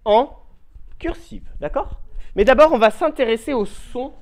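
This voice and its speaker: A man's voice: extremely high pitch, expressive, a little mellow. Patient masked male teacher. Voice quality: muffled through a face mask. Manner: patient, slow, encouraging, sounds out letters. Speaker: primary school teacher. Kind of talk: classroom lesson for young children. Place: school classroom. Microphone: handheld mic held by a pupil.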